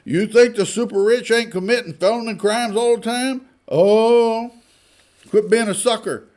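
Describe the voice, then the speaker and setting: With a darkish tone and a high voice, this man comments on the news online, unhurried yet indignant. His style is folksy and blunt, opinionated and informal, and he keeps posing rhetorical questions.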